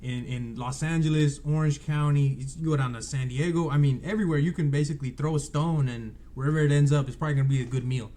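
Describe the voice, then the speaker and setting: A man's voice: on the high side, fairly even intonation, quick pace, hardly any pauses, dark tone. A man from California, a sports reporter, chatting as a guest on a casual podcast in an enthusiastic, easygoing way. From California, United States. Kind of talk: casual interview chat.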